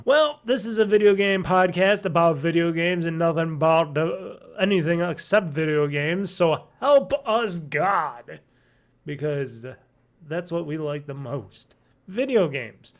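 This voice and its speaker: A man's voice: fairly high pitch, a little slow. Nasal, rambling podcast host man. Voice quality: self-described nasal voice. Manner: rambling and jokey, laughs at himself. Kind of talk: casual solo gaming podcast. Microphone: desk mic at home office.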